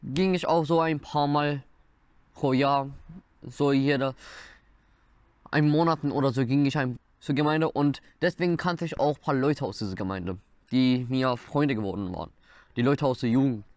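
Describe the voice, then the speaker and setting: A nineteen-year-old from Iran whose first language is Persian speaks earnestly about his experiences in German that is slightly non-native. He sits indoors in front of a dark wooden wall, captured mid-shot by a camera facing him. The voice is mid-range at a moderate pace, and the recording is dry.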